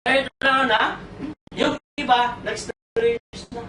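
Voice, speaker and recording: A man's voice: extremely high pitch, slow. A man giving a comic motivational talk to an audience at a sales orientation, teasing them and asking questions. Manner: animated storyteller, teasing, asks the crowd questions; mixes in English phrases. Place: seminar room with audience. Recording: echoey room, far from mic, noisy.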